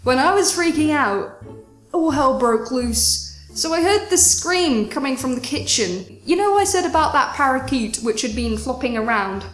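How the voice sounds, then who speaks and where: A woman's voice: high-pitched, lively intonation, moderate pace. A young woman animatedly retelling a chaotic party story with dramatic exasperation. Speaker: vlogger. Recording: echoey room with faint music.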